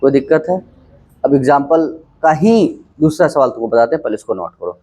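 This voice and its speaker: A man teaching a maths lesson in a calm, unhurried way, often asking questions and answering them himself. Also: mid-range voice, slightly rough. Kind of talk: casual classroom maths lesson.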